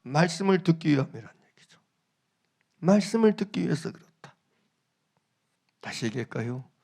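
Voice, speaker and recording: A man's voice: fairly high pitch, expressive, normal speed, vocal fry, darkish tone. A male pastor preaching a sermon, emphatic, repeating his phrases and putting questions to the congregation.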